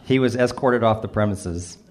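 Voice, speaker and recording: A man's voice: on the low side, moderate pace, darkish tone, a little hiss or hum. A middle-aged man reading his own humorous personal essay aloud, with a dry, self-mocking delivery. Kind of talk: first-person storytelling, wry and humorous.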